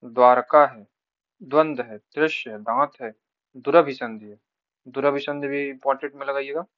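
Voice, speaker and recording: A man's voice: medium pitch, fairly even intonation, dry recording. Man drilling spelling words, dry lo-fi. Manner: rapid rote listing, repeating each word with brief tips. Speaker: teacher. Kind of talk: exam-prep spelling lesson, reading word lists.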